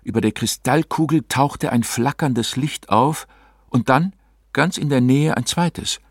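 A man narrating a story as a scripted audiobook reading, measured and expressive, close to the mic. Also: medium pitch, breathy edge, no room sound.

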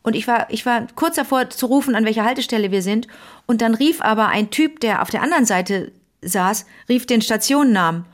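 A woman's voice: on the high side, brisk. A middle-aged woman co-hosting a podcast, telling stories in a casual chat and acting out what people said. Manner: animated storyteller, acts out quoted voices. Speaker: podcast co-host.

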